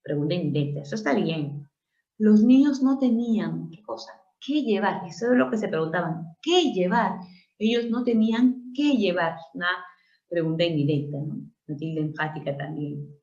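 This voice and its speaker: A woman's voice: on the low side, moderate pace, darkish tone. A woman, teaching a grammar lesson, patiently checking understanding with frequent tag questions. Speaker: language teacher. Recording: roomy, dull lo-fi recording.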